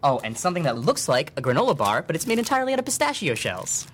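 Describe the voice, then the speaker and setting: An actor playing a gushing, gullible and excitable box-subscription fanatic in a comedy sketch. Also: mid-range voice, quick pace, slight background noise. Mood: eager. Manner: over-excited, exclamatory. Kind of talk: comedy sketch parody ad dialogue.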